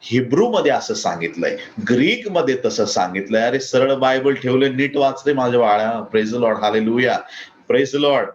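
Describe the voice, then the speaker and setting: A man preaching a sermon with a Marathi accent, rising in pitch to declaim his points. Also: lively intonation, moderate pace. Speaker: pastor. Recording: slightly dull lo-fi recording.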